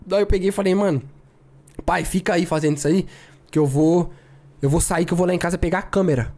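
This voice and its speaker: Young male co-host, quick and slangy, a casual storyteller. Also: high voice. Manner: slangy, animated, repeats filler words. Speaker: podcast co-host.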